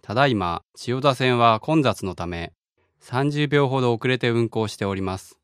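A man's voice: mid-range voice, expressive, moderate pace, fairly bright tone, clean tone, no echo, clean studio sound, natural voice. A man voicing a polite subway conductor who makes formal train announcements in a lesson dialogue. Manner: formal, courteous announcer phrasing.

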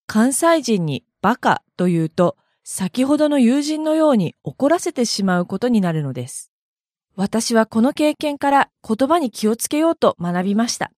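Lively, animated Japanese woman blogger. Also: on the high side, dry recording, studio quality. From Hyogo, Japan. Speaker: audio blog host. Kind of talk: scripted explanatory talk.

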